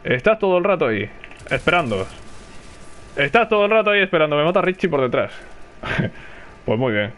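Chatty Spanish gaming streamer, fairly high voice. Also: male voice, very animated, brisk, long pauses, fairly bright tone, a little hiss or hum. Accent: Spanish from Spain. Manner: chatty, reacts aloud and calls to teammates. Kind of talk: live gameplay commentary.

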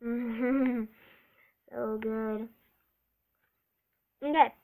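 A woman's voice: fairly high pitch, fairly even intonation, drawn-out words, warm tone, rough recording. A woman vlogging a casual taste test, chatty and eager, reacting aloud as she tries each one.

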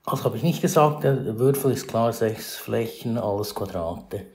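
A man explains geometry in a screencast lesson. His voice is mellow and relaxed, and he talks it through with fillers and self-corrections. The recording carries a noticeable room echo. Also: medium pitch, measured pace. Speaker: math teacher.

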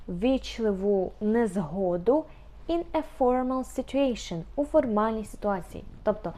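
Young female language teacher, warm mellow tone, careful and repetitive delivery. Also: on the high side. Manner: slow, careful, repeats phrases, hesitant fillers. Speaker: English teacher. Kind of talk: explaining English phrases.

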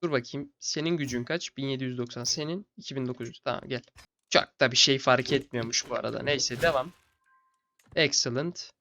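A young man giving casual, low-key commentary on a strategy game late at night, sounding tired and chatting to the game's characters like buddies. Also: brisk, pushed and bright. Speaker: gaming channel host.

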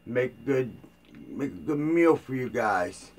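A man's voice: mid-range voice, lively intonation, slow pace. An older man chatting casually to camera as a vlogger, rambling loosely with plenty of fillers and restarts, and sounding tired. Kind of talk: casual rambling vlog chat.

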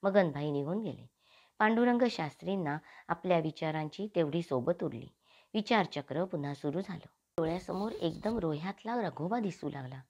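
A woman narrating an audiobook in a measured, devout storytelling manner. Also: fairly low pitch, lively intonation, a little mellow. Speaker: audiobook reader. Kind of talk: scripted narration.

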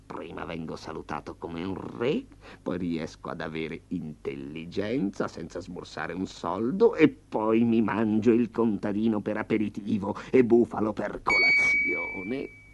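A man voicing a smug, hungry male tiger with a slow, low, purring growl in a storybook reading. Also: wildly swooping pitch, creaky, fairly bright tone, slight background noise, exaggerated voice. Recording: slightly dull lo-fi.

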